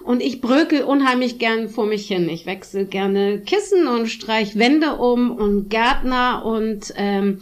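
A middle-aged woman speaks as a guest in a casual interview. Her voice is a little high, and she rambles, breaking off to search for words. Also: slow, hardly any pauses. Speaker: interview guest, theatre director.

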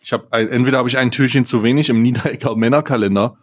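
A man hosting a casual chat, excitable and scatterbrained as he unboxes an advent calendar, laughing often. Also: medium pitch, fast. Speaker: podcast host.

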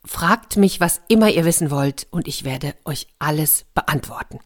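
A woman voicing a polite, quick-witted young servant answering his king. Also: low-pitched, lively intonation. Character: humble clever young male servant.

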